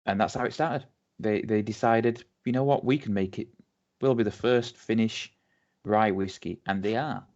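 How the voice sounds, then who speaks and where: The dull lo-fi recording captures a man's fairly low, darkish voice at a moderate pace, with an English accent. Co-hosting a podcast, he chats and rambles through a distillery's story, full of ums and restarts.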